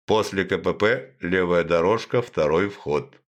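A cold metallic machine voice at a checkpoint barks curt, repeated orders, put on by a male storyteller. It sits deep and low and comes across loud and firm. The delivery is flat and mechanical, like a robot at a gate. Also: a little slow, lo-fi sound. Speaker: narrator. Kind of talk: audiobook narration.

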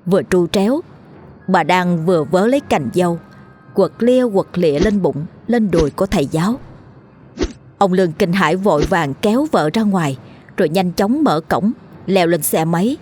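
A woman narrating a horror story in a tense, measured storytelling manner. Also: fairly low pitch, animated, a little mellow, breathy edge. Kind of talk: dramatic audiobook narration. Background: faint music.

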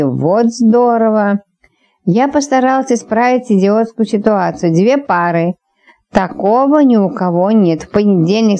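Woman, audiobook narrator, mellow voice, lively storytelling, voices each character. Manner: lively reading that shifts pitch to voice each character.

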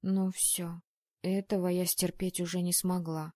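A woman reading a first-person audiobook in a lively, expressive way. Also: fairly low pitch, a little slow, dry recording, studio quality. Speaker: audiobook narrator.

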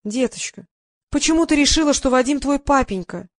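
A woman's voice: fairly high pitch, animated, a little fast, dry recording, studio quality, close to an everyday voice. A woman voicing a mocking press secretary. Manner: sarcastic and scornful.

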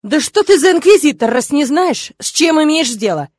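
A woman's voice: high-pitched, very animated, moderate pace, no room sound, studio quality, pitched above the performer's own voice. A woman voicing a hot-tempered older father, a former officer, who barks and blusters in an audiobook. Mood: furious. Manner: loud, barking, blustering.

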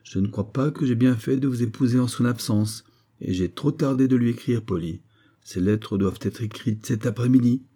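A man voicing an earnest young army captain, speaking firmly but gently to his wife in an audiobook reading. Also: mid-range voice, moderate pace, husky, lightly acted. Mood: reassuring.

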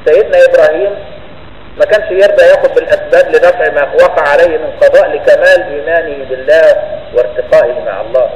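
At a quick pace, a religious teacher with a fairly high male voice and an Egyptian Arabic accent delivers a colloquial lesson, often asking if his listeners understood. The sound is roomy with a long reverb tail, the highs are cut off, and there's slight background noise.

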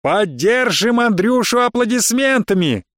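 A man's voice: very high voice, big pitch swings, a bit bright, no echo, clean studio sound, voice pushed up, full character voice. Taunting circus announcer, grandiose, male reader putting it on. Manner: pompous, drawn-out.

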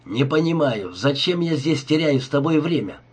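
A man's voice: medium pitch, animated, normal speed, breathy edge. A man voicing a cold, scheming male crook who talks with sneering irony, in an audiobook reading. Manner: sneering, ironic.

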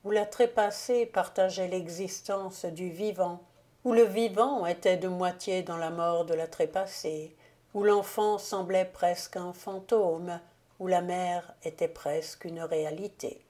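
A woman narrates a classic novel at an unhurried, measured pace. Her voice is on the low side and mellow in tone. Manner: measured, calm reading. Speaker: audiobook reader.

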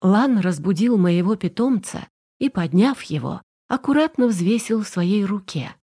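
Woman narrator for audiobook fiction, mellow tone, a little husky, even storytelling delivery. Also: mid-range voice, a little slow. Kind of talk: scripted narration.

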